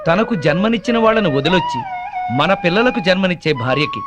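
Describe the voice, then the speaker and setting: A wife-adoring husband, speechifying, high pitched, film music bed. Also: male voice, sing-song, fairly quick, lo-fi sound. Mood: proud. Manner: grand, speechifying praise of his wife. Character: doting husband proud of adoring his wife. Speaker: husband character in a comedy scene. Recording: film audio with music behind.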